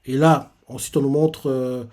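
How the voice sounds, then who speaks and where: A man's voice: medium pitch, flat delivery, normal speed, a little mellow. A man recapping a manga chapter in a casual live reaction, rambling with lots of fillers. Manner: rambling, filler-heavy retelling.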